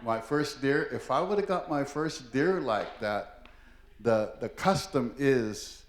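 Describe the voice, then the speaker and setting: A man's voice: medium pitch, expressive, slow pace. Older man telling a rambling, funny story. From Oregon. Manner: rambling and humorous, heavy with fillers. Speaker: language teacher and storyteller. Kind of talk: live storytelling on stage. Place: performing arts hall, live event.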